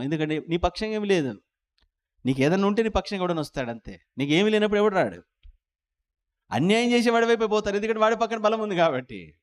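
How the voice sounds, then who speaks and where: A male preacher delivering a dramatic sermon, acting out pleading voices and calling on listeners to repeat after him. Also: high voice.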